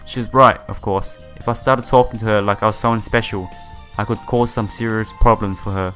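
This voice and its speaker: With music playing underneath, a game playthrough host reads visual novel lines in a lowish, steady, brisk voice that's a bit bright. He trips over some of the text and adds sympathetic off-the-cuff comments.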